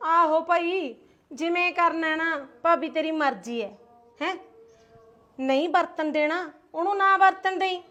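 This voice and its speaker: A woman plays a touchy, resentful sister-in-law in a homemade family skit, speaking with a Punjabi accent. Her voice sits high, and she keeps tossing sarcastic tag-questions back. She sounds aggrieved and sore. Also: unhurried, sharp tone, full character voice. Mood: complaining. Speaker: husband's sister.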